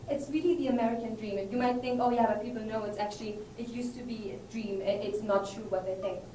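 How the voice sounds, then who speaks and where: A woman's voice: on the high side, fairly even intonation, fast, mellow. A young woman from Germany giving an earnest, emphatic student presentation at a conference. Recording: roomy hall, distant mic, faint noise.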